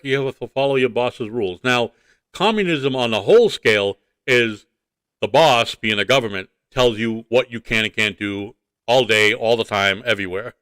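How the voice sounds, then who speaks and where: A man holds forth in casual morning-show banter, recorded close and dry. He is blunt and opinionated, rambling along and circling back to repeat himself in a mid-pitched voice. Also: a bit bright, clean tone, no echo.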